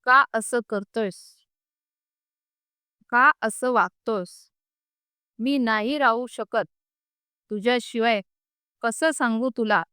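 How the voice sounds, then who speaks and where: A woman's voice: fairly high pitch, slow, long pauses, bright, forceful tone, clear, resonant tone, no echo, studio quality. A woman voicing an emotional young wife who pleads through tears in a storybook reading. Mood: pleading.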